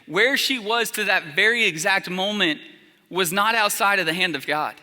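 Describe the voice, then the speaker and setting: A man's voice: high-pitched, moderate pace, sharp tone. A young man preaching a sermon as a college pastor, telling stories casually with lots of "like" fillers. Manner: casual storytelling, many fillers. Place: church auditorium. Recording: reverberant church hall.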